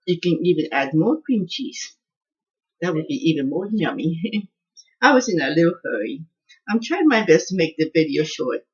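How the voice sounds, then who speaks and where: A woman home cook in a casual cooking video, chatting as she tastes and often restarting her words. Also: fairly low pitch. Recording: dull lo-fi sound.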